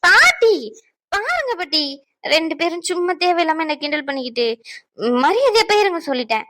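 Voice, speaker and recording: A woman's voice: very high-pitched, very animated, a little fast, bright, forceful tone, heavily acted. Woman voicing an exasperated cartoon girl. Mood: annoyed. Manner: scolding, exasperated. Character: irritated young woman, sharp-tongued, easily annoyed. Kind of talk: cartoon voice acting.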